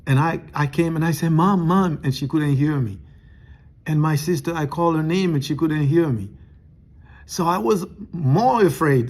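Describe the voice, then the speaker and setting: A man earnestly telling a personal spiritual testimony, halting and restarting as he goes, eating something while he talks. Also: a little high, darkish tone. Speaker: testimony speaker.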